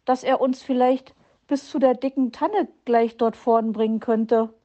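A gossipy magpie lady pokes fun at everyone in a high, mocking voice, as a woman reading a storybook puts her on. Her teasing has a mellow tone. The recording sounds dull. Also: steady tone, a little slow, lightly acted.

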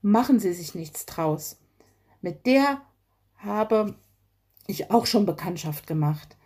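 A woman voicing a cheerful, excitable male elf in a children's audio story. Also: mid-range voice, slow, breathy edge. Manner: excited, laughing.

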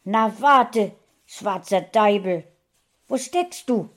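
A woman's voice: on the high side, animated, unhurried, mellow, pitched above the performer's own voice. A woman voicing an upset middle-aged housewife who keeps scolding her cat, in a storybook reading. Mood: shrill scolding. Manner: scolding, exclaiming.

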